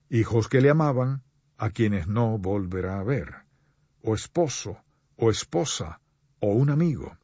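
Man, radio preacher, husky voice, pleading sermon, dry dull recording. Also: fairly high pitch, darkish tone, no echo. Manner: earnest, pleading, slow deliberate pauses. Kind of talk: sermon addressing listeners.

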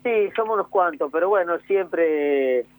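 A man's voice: high-pitched, lively intonation, a little slow, no room sound. A man with an Argentine accent chatting casually on a phone call from home, repeating his words as he talks. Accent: Argentine Spanish. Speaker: guest. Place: at home by a grill.

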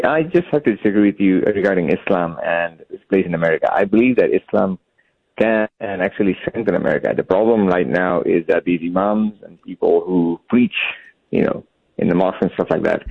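A man from Bangladesh calling in to a radio show, speaking in a measured, reflective way with many fillers. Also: sits low, vocal fry, slightly rough, no room sound. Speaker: caller. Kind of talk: phone-in call. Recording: tinny phone line.

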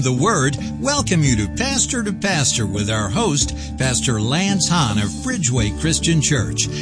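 A man announcing a radio show intro with smooth, lively announcer delivery. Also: a little high. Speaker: station announcer. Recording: voice over loud music bed.

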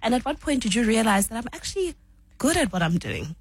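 A woman's voice: a little high, very animated, fast, breathy edge, no room sound, rough recording. A woman interviewing a guest, asking long questions with fillers like "you know" and "um".

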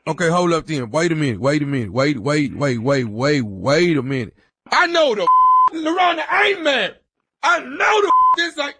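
A man puts on an agitated prison inmate making a payphone call for a prank. His voice is high and sharp, with a dry, close sound. He presses his point insistently and repeats himself. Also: sing-song, moderate pace, husky, no echo, full character voice. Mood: distressed, indignant. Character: agitated male prison inmate calling about his old girlfriend.

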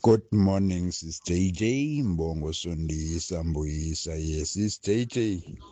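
A man's voice: low voice, slow, dark tone, no echo. A man leaving a voice note for a radio show, making an earnest, pleading appeal. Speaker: listener sending a voice note.

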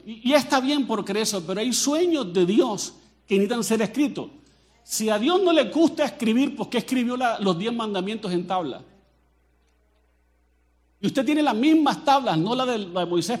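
Colombian pastor guy preaching, pretty high voice, jokey and animated, talks right at the crowd. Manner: animated and joking, addresses the crowd directly. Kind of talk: sermon to a congregation.

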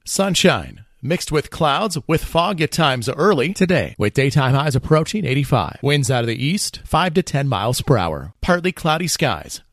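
A man's voice: a little high, very animated, moderate pace, few pauses, a bit bright, dry recording, clean studio sound. A man giving a scripted radio weather forecast as a meteorologist.

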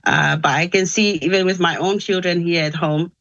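A Tongan-accented woman speaks in a low, deep register, pausing often with soft fillers as she gathers her thoughts. Her talk is earnest and sincere. The sound is dry and a little muffled. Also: fairly even intonation, dry recording. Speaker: musician guest. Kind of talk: casual interview.

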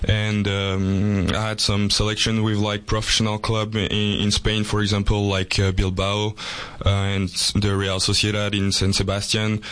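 Young French-accented man, low voice. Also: monotone, moderate pace, fairly bright tone. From southwest France. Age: 20s. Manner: hesitant, many fillers and restarts. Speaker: soccer goalkeeper guest. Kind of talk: casual interview answers.

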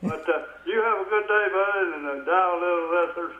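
Guy on speakerphone, tinny phone line, roomy echo, slow halting talk, sore back. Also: sits high. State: in back pain. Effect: on speakerphone over a phone line. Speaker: caller.

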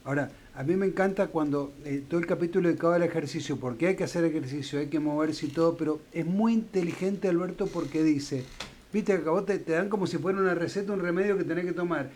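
A man's voice: fairly high pitch, fast, a little mellow, a little hiss or hum. A man with a Rioplatense Spanish accent, a radio co-host chatting and often agreeing.

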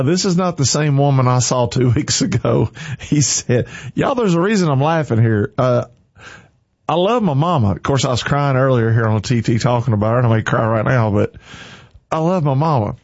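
A male morning radio host speaks with fervent, preachy energy, repeating short commands. His medium-pitched voice has a darkish tone with no echo, recorded in a dry, slightly muffled studio with a close sound.

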